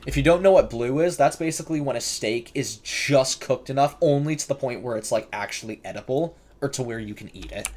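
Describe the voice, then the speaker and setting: A man's voice: medium pitch, a little fast, hardly any pauses, darkish tone. A man giving casual, jokey commentary as he streams a horror game, nervous about scares and talking back to the characters. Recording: clear background noise, keyboard clicks and typing.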